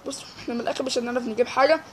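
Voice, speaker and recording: A man with an Egyptian Arabic accent giving excitable live gameplay commentary, repeating words in quick bursts. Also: very high-pitched, slight background noise, poor audio. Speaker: gaming YouTuber.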